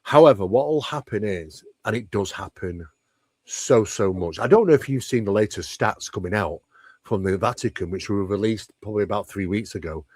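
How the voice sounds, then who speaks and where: A man appears as an interview guest, a paranormal researcher, explaining things in a conversational yet emphatic way, leaning on rhetorical questions and repeated phrases. His voice sits on the low side and is a little mellow, at a normal pace, in a dry recording.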